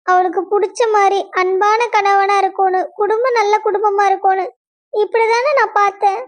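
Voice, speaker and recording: A woman's voice: very high voice, little pitch movement, moderate pace. A young woman acting a distraught wife who pleads with her husband in an emotional web drama. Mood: pleading.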